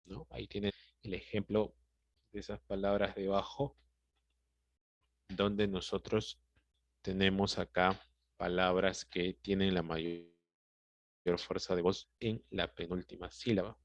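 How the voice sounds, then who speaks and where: A man's voice: low voice, little pitch movement, takes it slowly, pauses often, dry recording. A male teacher with a Peruvian Spanish accent patiently explaining a grammar lesson, often checking in with his students. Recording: dry, dull lo-fi sound.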